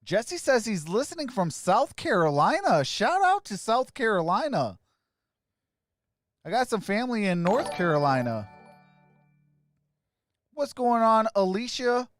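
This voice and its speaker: A man's voice: high-pitched, no room sound. Upbeat man reading chat, dry mic. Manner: upbeat, greets viewers by name and gives shout-outs. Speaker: live stream host. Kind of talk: casual live chat reading viewer comments.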